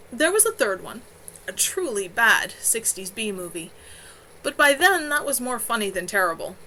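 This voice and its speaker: An author reads her own novel aloud on a live stream from home, telling the story expressively in a bright, forward voice. Her pitch is very lively, shifting between narration and animated dialogue. The recording is rough, with faint background noise.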